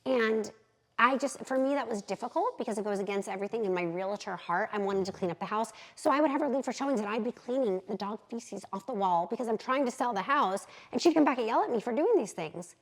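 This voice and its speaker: A realtor in her thirties, telling animated, candid stories as a podcast guest. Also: on the high side, quick pace, rough recording. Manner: animated, candid, acts out quotes. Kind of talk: lively storytelling in an interview.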